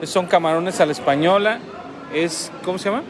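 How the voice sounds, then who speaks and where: A man's voice: high-pitched, normal speed, background noise. A man with a Mexican accent casually reviewing a restaurant meal, repeating phrases and laughing often, filmed on a phone at a table near a road. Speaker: food vlogger.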